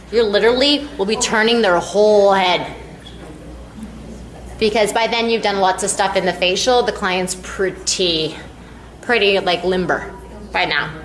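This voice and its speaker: A massage instructor gives a hands-on demonstration to a class, counting out strokes and cheering the students on in an upbeat, encouraging way. Her voice is a little high and a bit bright, in an echoey room with slight, faint background noise.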